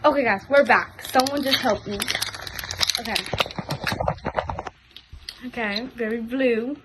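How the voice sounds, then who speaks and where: Heavy background noise accompanies this woman's fairly high-pitched, slow voice. She hosts a casual toy unboxing vlog, talking informally to her viewers and addressing them as "guys" again and again.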